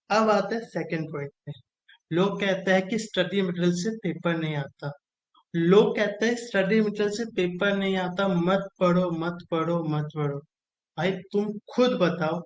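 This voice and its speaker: A man's voice: sits high, rough recording. A man teaching an exam-strategy lesson, repeating key phrases again and again in a coaxing way. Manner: repetitive, drilling phrases over and over, coaxing.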